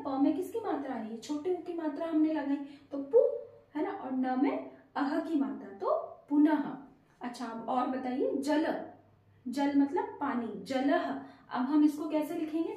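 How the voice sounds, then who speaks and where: A woman's voice: sits high, lively intonation, a little slow, mellow. A woman teaching a language lesson to children, patiently asking her learners questions and praising them. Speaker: Hindi teacher. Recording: very echoey room.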